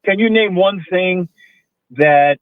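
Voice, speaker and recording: A man's voice: sits high, slow pace, crowd noise. A man calling in to a radio show, asking pointed, challenging questions. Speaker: caller. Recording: phone line.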